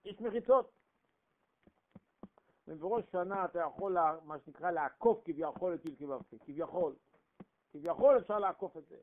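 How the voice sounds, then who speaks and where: Male preacher, fairly high voice, emphatic and repetitive, tinny phone-quality audio. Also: lively intonation, pauses often. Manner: emphatic, repetitive, swings from loud to hushed. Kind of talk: sermon.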